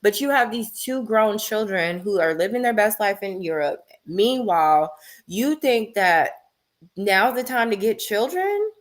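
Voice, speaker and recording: A woman's voice: mid-range voice, animated, measured pace. A woman hosting a casual, blunt and gossipy recap of a reality TV show, talking with slang and lots of fillers.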